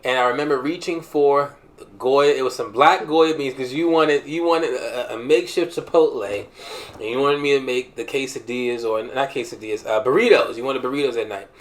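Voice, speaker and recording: Guy in his 30s telling his story, animated and funny, goes from joking to emotional. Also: mid-range voice, a little fast. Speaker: podcast host sharing a testimony. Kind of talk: personal testimony storytelling.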